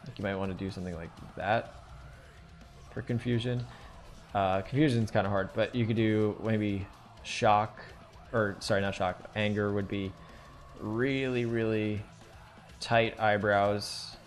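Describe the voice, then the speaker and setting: Male streamer, lowish voice, rambling drawing tips with fillers, quiet music bed. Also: little pitch movement, measured pace. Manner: rambling, thinks aloud with fillers. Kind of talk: casual live-stream drawing lesson.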